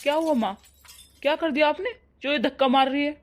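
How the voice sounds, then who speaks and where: A voice actor playing a young husband and protective son in a cartoon, loud and scolding. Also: sits high, fairly quick, lightly acted. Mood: angry. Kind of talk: cartoon voice acting.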